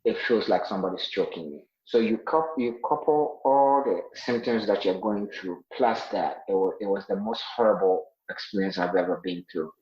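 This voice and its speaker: Guy in his 40s, real low voice, talks earnest w lots of uhs, kinda echoey muffled line. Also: moderate pace, hardly any pauses. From Ghana. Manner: earnest, many fillers and restarts. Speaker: guest, health care worker recovered from illness. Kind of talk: interview, personal account. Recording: roomy, dull sounding line.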